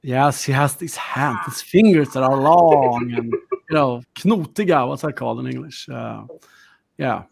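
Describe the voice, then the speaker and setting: A man's voice: medium pitch, unhurried, creaky, crowd noise. A man with Swedish as his first language narrating a tabletop horror game as game master, rambling and searching for words.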